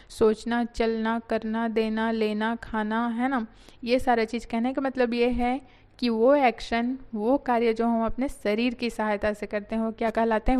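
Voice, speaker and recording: A woman teaching English vocabulary in a patient lesson, spelling words out and repeating key phrases slowly. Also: fairly high pitch, darkish tone, clear, resonant tone.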